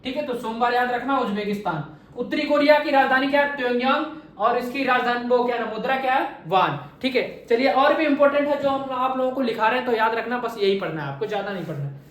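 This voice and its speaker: A man's voice: very high voice, fast, fairly bright tone. A man teaching an exam-prep class, asking quiz questions and answering them himself, drilling each answer by repeating it. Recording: very echoey room, voice far from mic.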